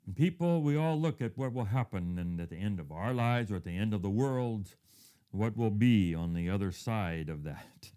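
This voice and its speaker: Speaking at a moderate pace with a clean tone and a somewhat low pitch, a fiftysomething man who grew up in Thailand shares a personal story in an animated devotional reflection. He often drops into a hushed voice.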